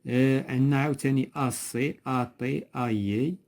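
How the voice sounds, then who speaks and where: A man's voice: mid-range voice, brisk, darkish tone. A man with a Moroccan Arabic accent teaching a French lesson in class, patiently repeating terms and prompting a pupil to finish words. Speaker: primary school French teacher.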